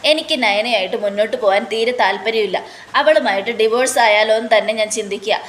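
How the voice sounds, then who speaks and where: A woman's voice: medium pitch, quick pace, a bit bright, roomy sound, slight background noise, close to an everyday voice. A woman voicing a young husband who speaks bluntly and dismissively.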